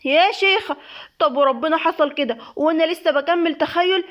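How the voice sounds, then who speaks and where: A woman's voice: extremely high pitch, a little fast, fairly bright tone, pitched above the performer's own voice. A woman with an Egyptian accent voicing a playful, teasing young wife who coaxes and giggles. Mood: cheeky. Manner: giggly, cheeky and coaxing.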